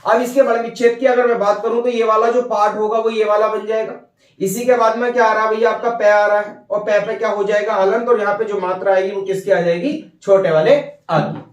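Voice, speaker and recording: A man's voice: high-pitched, little pitch movement, a little fast, echoey room, far from the mic, muffled recording. A man teaching a Hindi grammar lesson, repeating points and often checking that his listeners follow. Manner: repetitive, checks understanding with "ठीक है" and "भैया".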